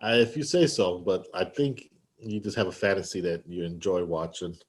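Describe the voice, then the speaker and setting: A man's voice: deep voice, moderate pace. A man co-hosting a casual podcast over a remote call, teasing his partner and laughing a lot. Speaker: podcast co-host. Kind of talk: casual banter. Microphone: headphones, remote call.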